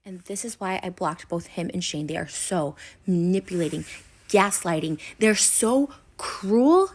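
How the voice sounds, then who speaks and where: A woman's voice: lowish voice, steady tone, normal speed. Woman, 30s, YouTuber ranting to camera; wounded, indignant, repetitive, stammering restarts. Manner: hurt, indignant, repeats phrases with stammered restarts. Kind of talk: emotional vlog rant to camera.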